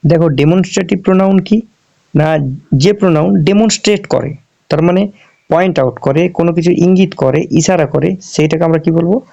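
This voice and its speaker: A man teaching English grammar in a lesson, asking questions and answering them himself, and reading example sentences out slowly. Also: fairly high pitch, gravelly, mellow. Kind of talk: explanatory classroom lesson. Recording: dull lo-fi recording.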